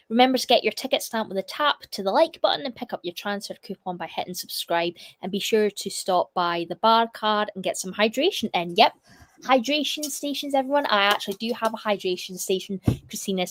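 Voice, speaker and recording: A young woman chatting casually on a livestream, rambling with plenty of fillers. Her voice is a touch croaky from a lingering cough, and the close recording sounds dry with no room around it. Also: mid-range voice, no room sound. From United Kingdom. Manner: chatty, reads chat comments aloud, many fillers. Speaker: livestream host.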